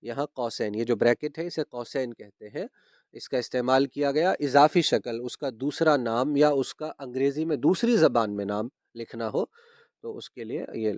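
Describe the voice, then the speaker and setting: Teaching punctuation in a grammar lesson, a man speaks at medium pitch with a slightly mellow quality on a dry recording. He patiently repeats core terms and checks in on whether his students understand.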